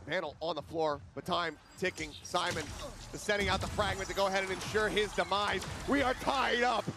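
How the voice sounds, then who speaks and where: Male esports caster, high gravelly voice, dramatic live play-by-play over music. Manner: dramatic, swelling from measured narration to shouted calls.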